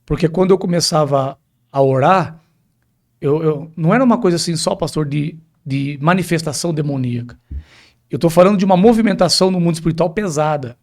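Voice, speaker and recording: Brazilian man with a fairly high voice. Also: darkish tone. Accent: Brazilian Portuguese. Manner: vivid storytelling, acting out quoted dialogue. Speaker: pastor, podcast guest giving testimony. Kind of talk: personal testimony on a podcast.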